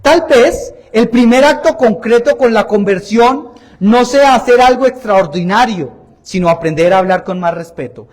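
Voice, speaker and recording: High-voiced priest preaching. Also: male voice, moderate pace, darkish tone. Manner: emphatic, repeats phrases, asks the congregation direct questions, jokes about himself. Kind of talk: Sunday sermon. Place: church.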